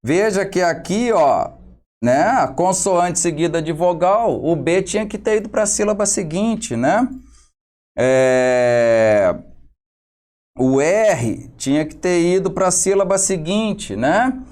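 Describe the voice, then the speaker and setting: Lively slow-talking Brazilian teacher, man. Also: sits high. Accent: Brazilian Portuguese. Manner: tag questions after nearly every phrase, explanatory. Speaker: exam prep teacher. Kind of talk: solving exam questions for students.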